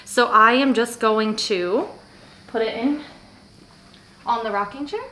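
A woman investigating a haunted lighthouse, explaining her equipment step by step and talking gently to the spirits. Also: on the high side, slow. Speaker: paranormal investigator. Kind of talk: casual on-location narration. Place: old lighthouse keeper's house indoors.

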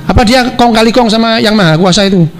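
A man, a doctor, chatting casually and lecturing in an animated, playful way, acting out quoted dialogue as he tells anecdotes. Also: high-pitched, fast talker, a little hiss or hum. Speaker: doctor speaking on neuroscience.

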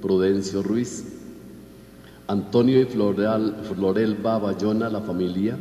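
Reading names from a list of Mass intentions, a priest from Colombia keeps a measured, list-like rhythm. His voice is male, low, and dark in tone, picked up by the altar microphone in a large church whose long reverb fills the recording with echo.

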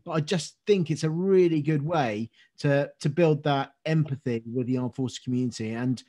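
A man's voice: fairly high pitch, normal speed, mellow. Earnest rambling male interviewer. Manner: earnest, rambling, frequent restarts and ums. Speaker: interview host. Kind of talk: interview questions and comments.

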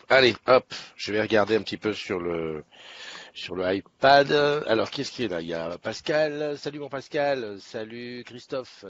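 Husky low-voiced man hosting a live stream. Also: dull audio. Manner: chatty, upbeat, greets people by name. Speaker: livestream host. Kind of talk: casual live-stream chat greeting viewers. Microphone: webcam setup.

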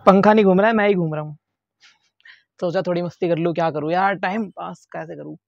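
A man's voice: sits high, a little fast, vocal fry, no room sound, dull audio. A young man chatting casually to his viewers in a vlog, playful and talkative, speaking into a wired lapel mic clipped under his shirt. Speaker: vlogger. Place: outdoors near a lane. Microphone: wired lapel mic under t-shirt to phone.

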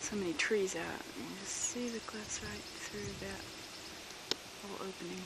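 A woman slowly narrating a home video tour outdoors into a camcorder's built-in mic, losing her voice. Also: mid-range voice, steady tone, creaky, heavy background noise. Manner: slow, soft-spoken pointing out sights. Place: outdoor grounds and buildings of a campus.

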